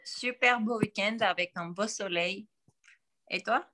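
Her accent Georgian, a woman in her forties fields interview questions as a podcast guest, stopping frequently and starting over. She speaks at a medium pitch with a sharp tone.

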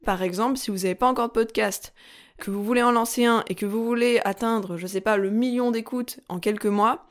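A woman hosting a solo podcast, explaining things calmly and step by step with frequent fillers. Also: on the high side, a little fast. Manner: calm, methodical, step-by-step teaching with frequent fillers. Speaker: podcast host.

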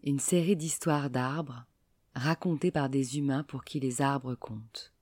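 A woman podcast host giving a scripted, measured narration. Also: very deep voice, fairly even intonation, over music. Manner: measured, read-aloud delivery.

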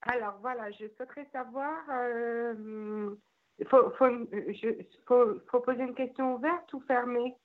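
A woman's voice: on the high side, fairly even intonation, measured pace, narrow, tinny audio. A woman calling in over a landline phone, talking hesitantly and stumbling over her words. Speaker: caller. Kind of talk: call-in chat with a psychic.

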